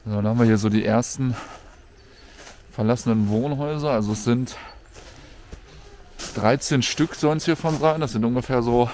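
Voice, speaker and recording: A man's voice: mid-range voice, normal speed, pauses often, a little mellow, slight background noise. A man giving an informal, colloquial walk-through commentary as a vlogger out and about. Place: mostly outdoors, walking through an abandoned housing estate.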